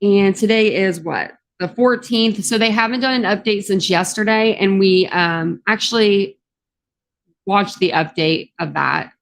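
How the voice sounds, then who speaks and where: Her mid-range voice, carrying a Southern drawl and a morning scratchiness, moves at a measured pace as she chats casually on a livestream. She's a true crime YouTuber who rambles and says um a lot.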